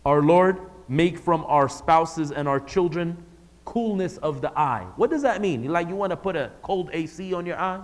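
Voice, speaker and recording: A man's voice: on the high side, moderate pace. A man giving a religious lesson to a live class, speaking conversationally and putting questions to the audience. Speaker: religious teacher. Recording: long hall reverb.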